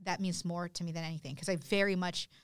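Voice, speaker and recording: Woman, DJ guest, casual podcast chat, animated, restarts her sentences, dry close mic. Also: lowish voice, clean tone, dry recording. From California. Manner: animated, quick self-corrections. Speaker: guest DJ and events manager.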